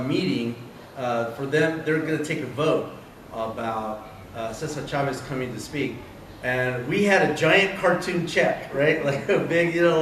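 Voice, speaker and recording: A man's voice: mid-range voice, slight background noise. Middle-aged man telling rambling stories. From San Diego, California. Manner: digressive, chuckles at his own stories. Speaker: editorial cartoonist giving a talk. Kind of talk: rambling anecdotal talk. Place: convention hall. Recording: roomy hall, distant mic, faint ambience.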